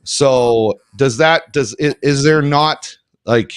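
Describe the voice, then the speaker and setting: A man's voice: medium pitch, slow pace, clean tone, no echo, studio quality. Effusive male talk show host. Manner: effusive, getting emotional, repeats phrases. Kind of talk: casual morning show chat.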